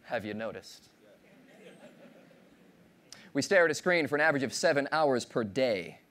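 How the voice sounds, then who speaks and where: A man in his thirties giving a motivational keynote on a large conference stage, playful and animated, teasing and quizzing the audience. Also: mid-range voice, moderate pace. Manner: animated, playful, audience-engaging, acts out voices. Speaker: keynote speaker.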